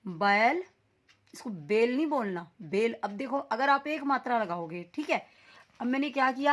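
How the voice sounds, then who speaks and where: A fairly high-pitched woman leads a lesson for small children. She stretches out each syllable clearly and repeats words for emphasis, dropping English words into her explanations. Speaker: teacher. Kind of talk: recorded online class lesson for young children.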